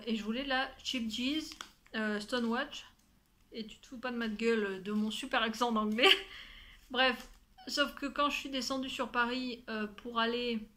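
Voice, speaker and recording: A young woman with a fairly high voice chats casually to her viewers from home. She talks in a loose, friendly flow, full of fillers, restarts and asides to the listener. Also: a bit bright. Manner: chatty, many fillers and restarts, addresses listener directly. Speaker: knitting podcast host. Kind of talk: casual chat to camera.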